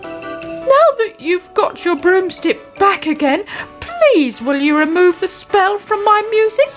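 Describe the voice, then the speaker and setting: A woman's voice: extremely high pitch, sing-song, slow pace, faint music behind, voice pushed up, full character voice. A woman voicing an old king who pleads mildly. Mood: pleading. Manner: pleading, mild.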